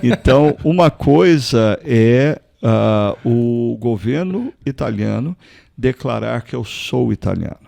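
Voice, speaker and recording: A man's voice: mid-range voice, lively intonation, takes it slowly, gravelly, mellow, dry recording, studio quality. A man from Brazil, a pastor on a church talk show, chatting in a thoughtful way with small restarts. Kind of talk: casual chat.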